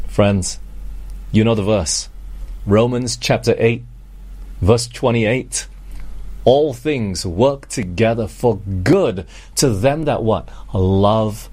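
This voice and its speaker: A middle-aged man from Malaysia preaching a sermon, earnest, slowing down on scripture and asking the congregation rhetorical questions. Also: medium pitch, a little mellow. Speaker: pastor.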